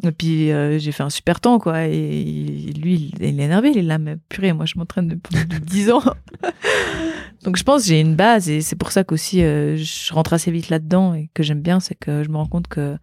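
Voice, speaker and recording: A young woman speaking as a podcast guest in a relaxed, chatty way, with many fillers and restarts. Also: low-pitched, a little fast, creaky, hardly any pauses, no room sound, clean studio sound. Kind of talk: casual podcast interview.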